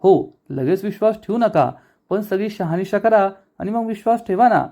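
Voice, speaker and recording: A man voicing a calm, persuasive young married woman from a TV serial, speaking earnestly as he retells the scene. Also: high-pitched, moderate pace, voice pushed up. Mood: coaxing.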